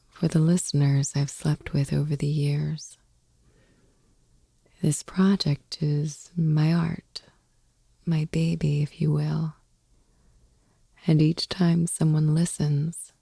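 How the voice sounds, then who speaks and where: A woman with a low voice whispers poetry close to the mic for her sleep ASMR podcast. The breathy reading is soft, slow and calming, and no room sound can be heard.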